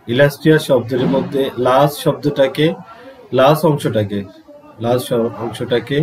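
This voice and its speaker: A man's voice: mid-range voice, darkish tone, a little hiss or hum, rough recording. A man with a Bangladeshi accent teaching English vocabulary, drilling pronunciation and switching into Bangla to explain. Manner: drawn-out pronunciation drills, repeating words. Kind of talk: slow vocabulary lesson mixing English and Bangla.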